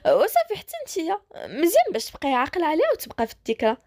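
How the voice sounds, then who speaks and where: A woman's voice: sits high, huge pitch swings, rapid-fire, a little mellow, dry recording, clean studio sound, voice pushed up. A woman with a Moroccan accent voicing a bubbly, teasing young woman who is a rookie police officer. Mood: cheeky. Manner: playful, cheeky.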